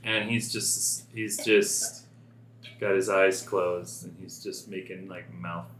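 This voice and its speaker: A man playing a tabletop game, describing his character's actions with halting restarts. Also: deep voice, fairly even intonation, a bit bright. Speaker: player. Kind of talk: casual tabletop game chat. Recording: echoey room, faint noise.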